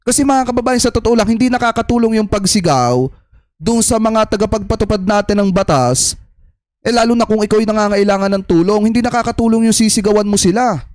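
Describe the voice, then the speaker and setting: A man with a Filipino accent speaks in a notably high voice, talking straight to his viewers as a political commentator. His delivery is chatty and repetitive. The recording is dry and close, with no room sound. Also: fast talker, a little mellow, no echo. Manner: addresses audience as "mga kababayan", chatty, repetitive.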